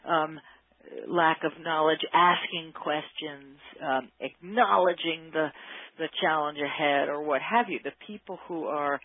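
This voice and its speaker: A man's voice: a little high, a little slow, breathy edge, no room sound. A man being interviewed as an expert, thoughtfully explaining his ideas and searching for the right words. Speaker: guest expert on workplace psychology. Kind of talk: conversational interview. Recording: phone-line audio.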